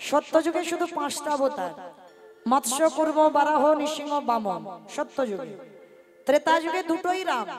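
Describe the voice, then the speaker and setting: A high-voiced woman tells a devotional story in kirtan style and speaks straight to her listeners. Her delivery is animated. Live devotional music plays clearly behind her. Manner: animated, addresses listeners directly. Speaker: kirtan performer.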